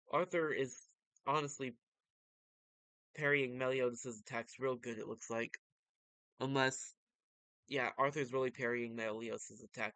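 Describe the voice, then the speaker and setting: A man's voice: mid-range voice, a bit bright, clean tone, dry recording. A man narrating and commenting on a story in a casual, informal way, like an enthusiastic fan. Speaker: vtuber reading and commenting on manga.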